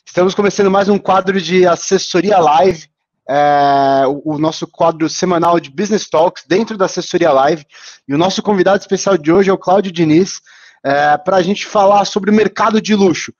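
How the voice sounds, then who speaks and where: A man with a high voice hosts a live show over a video call. He opens the segment and puts long questions to his guest, padding them with fillers. His audio is dull and lo-fi. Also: moderate pace. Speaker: host.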